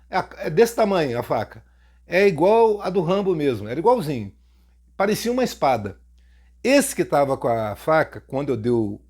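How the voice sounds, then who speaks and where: A man's voice: fairly high pitch, husky. Mocking Brazilian man telling a story. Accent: Brazilian Portuguese. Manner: mocking, jokey, animated telling. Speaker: storytelling YouTuber. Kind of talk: casual first-person storytelling.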